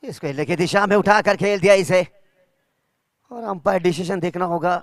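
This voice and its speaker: A man's voice: high voice, normal speed, no room sound, studio quality. A man giving live commentary on a cricket match between plays.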